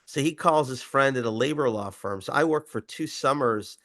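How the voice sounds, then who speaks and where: A male rabbi telling a relaxed, rambling personal story in an interview. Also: medium pitch, normal speed.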